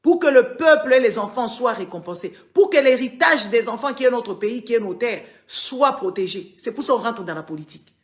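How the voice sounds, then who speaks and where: A woman's voice: on the high side, animated, normal speed. A woman from Congo, giving political commentary on a live stream. She lectures her viewers, scolding and emphatic, and repeats words for force. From Democratic Republic of the Congo.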